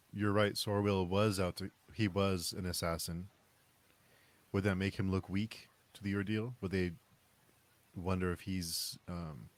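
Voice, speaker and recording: A man hosting a casual book podcast, musing aloud in rambling questions with fillers. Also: low-pitched. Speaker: podcast host.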